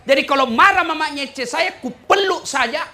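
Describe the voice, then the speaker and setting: A male preacher gives a humorous sermon to a live audience, with loud bursts of emphasis and snatches of sung song. His pitch is extremely high and his pace moderate.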